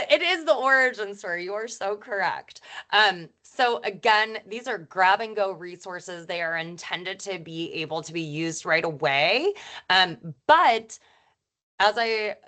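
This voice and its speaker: A woman presenting a webinar as a former teacher, talking quickly and informally with lots of fillers. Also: mid-range voice, expressive, sharp tone. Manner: rapid, chatty, self-described auctioneer pace; friendly and informal, with frequent fillers.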